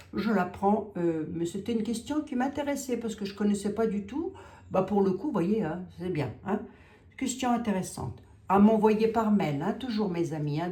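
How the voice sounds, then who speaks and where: Hoarse, homely tarot reader with a Lorraine accent. Woman, lowish mellow voice, recorded in a roomy space. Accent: Lorraine French. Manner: folksy, peppers speech with "hein". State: coughing, a bit hoarse. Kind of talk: casual chatty video reading.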